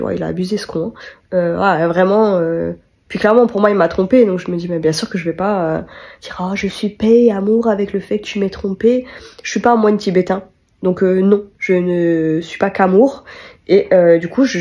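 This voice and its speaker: A woman's voice: on the low side, dark tone. A young woman vlogging casually to her phone camera, candid and rambling, full of fillers and restarts. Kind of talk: casual vlog chat to camera. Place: walking around town, outdoors and at home.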